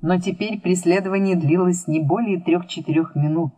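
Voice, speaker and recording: A woman's voice: on the low side, normal speed, warm tone, slightly rough. A woman narrating a fairy-tale book in a playful, theatrical storybook manner. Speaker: audiobook narrator.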